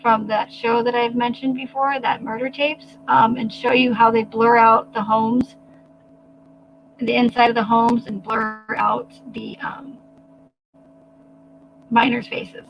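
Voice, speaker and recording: A woman's voice: on the high side, little pitch movement, slow, pauses often, dull audio, slight background noise. A woman hosting a casual livestream, chatting with viewers in a rambling, hesitant way with many restarts. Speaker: livestream host. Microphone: home microphone.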